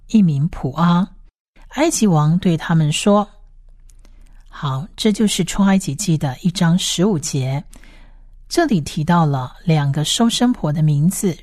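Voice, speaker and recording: A woman teaching a Bible study lecture, explaining passages in a steady way and reading scripture aloud. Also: sits low, no echo, studio quality.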